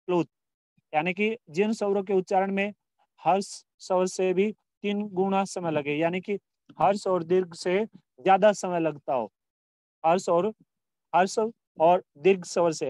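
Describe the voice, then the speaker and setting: A man's voice: sits high, darkish tone, dry recording. A male Hindi grammar teacher in a recorded school lesson, who asks questions and answers them himself, repeats phrases and draws out vowel sounds as examples. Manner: repeats phrases, restarts often.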